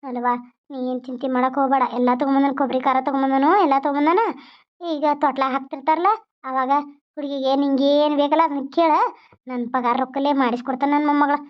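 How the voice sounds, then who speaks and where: Woman doing a high-pitched old granny, North Karnataka Kannada accent, coaxing, dull lo-fi sound. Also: flat delivery, fast, close to an everyday voice. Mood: consoling. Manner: gentle, coaxing, repeats comforting words. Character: elderly grandmother, soothing and protective. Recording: dull lo-fi recording.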